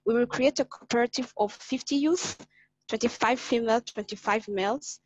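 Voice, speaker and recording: A woman from Rwanda presenting a project pitch on a video call, speaking haltingly with frequent restarts. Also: dry recording, lo-fi sound.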